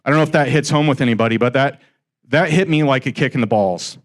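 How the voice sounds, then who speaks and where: Talking at a quick pace in a medium-pitched voice, a man in his forties gives an informal talk to a live audience in a room as the guest speaker at an investor meetup. He's chatty and joking, and he teases listeners in asides.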